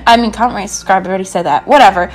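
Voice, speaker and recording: Speaking very fast in a mid-range voice, a young woman gaming creator gives a casual voiceover with background music. A slightly sore throat doesn't dim her bubbly, rambling style, packed with "like" and asides.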